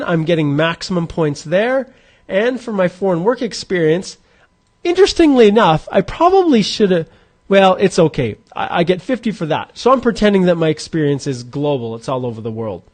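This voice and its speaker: An immigration advisor in his forties runs a live Q&A online, taking viewers through a calculator one step at a time. His voice, fairly high for a man and a little mellow, is casual and conversational, with restarts as he reasons aloud.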